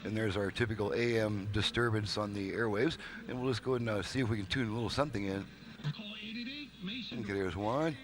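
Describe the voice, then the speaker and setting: With radio audio playing behind him, a man speaks in a lowish, fairly even, fairly quick voice. He plays a radio repair technician giving a casual, folksy, step-by-step product demonstration, explaining things off the cuff.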